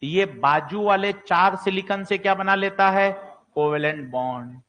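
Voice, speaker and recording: A man's voice: sits high, unhurried, a bit bright, lo-fi sound. A man teaches physics in an exam-prep lecture. He fires questions at his students and answers them himself. Now and then he takes the student's part to voice a doubt. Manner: plays the student voicing doubts.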